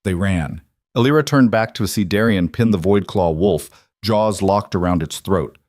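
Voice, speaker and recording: Deep-voiced man narrating a dramatic story. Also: moderate pace, darkish tone, no echo, clean studio sound. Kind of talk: scripted narration.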